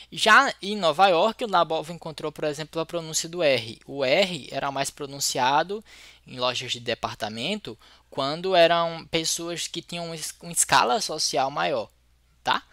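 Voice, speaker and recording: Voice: mid-range voice, sharp tone, no room sound, clean studio sound. A teacher with a Brazilian Portuguese accent giving an explanatory lecture, thinking aloud and restarting words mid-sentence.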